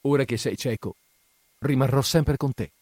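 A man voicing a small, kind-hearted male swallow in a storybook reading, speaking high and pleading. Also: normal speed, warm tone, no room sound, lightly acted. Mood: devoted.

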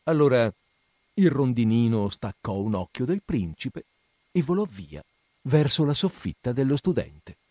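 A man narrating a fairy tale in an expressive, measured way. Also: medium pitch, no room sound. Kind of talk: storybook reading.

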